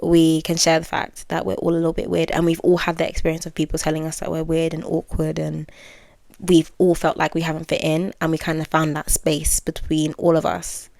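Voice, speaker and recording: This young British woman in her twenties speaks low and flat with vocal fry, moving at a brisk clip. She's a well-spoken podcast host musing candidly through a reflective solo monologue, with many fillers and self-corrections. The recording is studio quality, free of echo.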